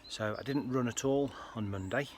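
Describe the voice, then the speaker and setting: A British man speaking casually to viewers in a personal health vlog, with an earnest, halting delivery. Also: mid-range voice, a little mellow. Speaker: health vlogger. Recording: faint ambient background noise.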